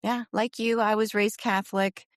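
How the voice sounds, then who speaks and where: A middle-aged woman hosting a podcast, asking questions and sharing thoughts in a soft, reflective, encouraging way. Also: medium pitch, flat delivery, normal speed, dry recording, studio quality. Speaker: podcast host. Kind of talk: interview conversation.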